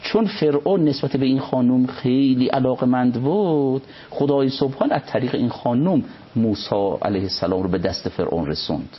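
Man, religious commentary, husky voice, dull lo-fi recording. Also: mid-range voice. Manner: recites Arabic text, then explains it. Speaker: religious scholar explaining scripture.

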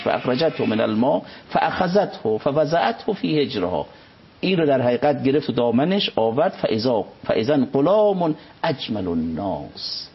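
A man, a religious scholar, reciting Arabic passages and explaining them in an unhurried conversational commentary. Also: fairly high pitch, slightly rough. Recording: dull lo-fi recording.

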